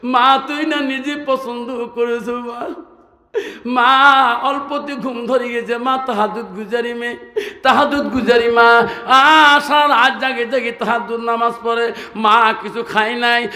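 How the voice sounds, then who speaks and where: A man's voice: extremely high pitch, steady tone, normal speed, sharp tone, exaggerated voice. A preacher with an Assam Bengali accent acting out a young married man who pleads emotionally with his wife and mother. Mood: anguished. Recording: echoey hall with long reverb.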